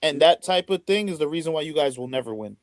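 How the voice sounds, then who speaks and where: A man co-hosting a sports podcast in casual chat, indignant and rapid with his questions. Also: a little high, lively intonation, dry recording. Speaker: podcast co-host.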